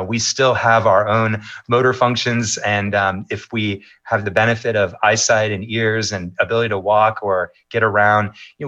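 During an interview, a middle-aged man who is a maps executive delivers polished, measured talking points, sometimes slipping in a filler. His pitch is fairly low and a bit bright, heard through dull audio.

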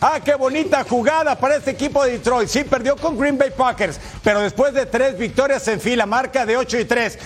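A man presenting American football highlights with touchdown calls, playful and exclamatory, throwing in rhetorical questions. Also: brisk, few pauses.

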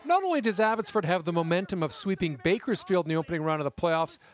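A man's voice: sits high, lively intonation, quick pace, faint music behind. A man narrating a scripted TV sports report.

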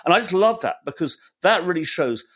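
Co-host, man, animated up-and-down delivery, relishes reading quotes aloud. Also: high voice, a little fast, slightly rough. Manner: lively, reads out quotes with relish. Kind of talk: casual chat.

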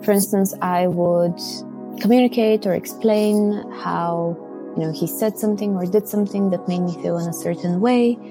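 Woman, hesitant listener question, gravelly, music bed behind. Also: mid-range voice, normal speed. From Bulgaria. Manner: hesitant, many "um"s and restarts.

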